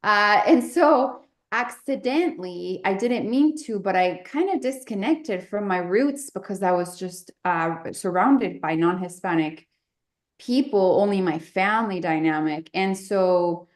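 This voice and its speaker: Woman from Mexico, slow and reflective guest, echoey room sound. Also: medium pitch. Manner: slow, thoughtful, with many fillers. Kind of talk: interview conversation.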